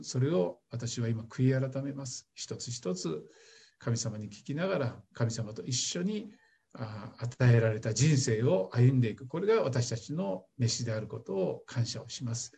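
A man's voice: a little high, gravelly, darkish tone, breathy edge. A man leading an earnest spoken prayer in church. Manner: earnest, fervent prayer cadence.

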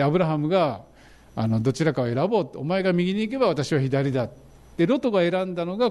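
Animated middle-aged Japanese pastor preaching. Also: male voice, fairly high pitch. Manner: animated, rising to fervent emphasis. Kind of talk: sermon with travel slides.

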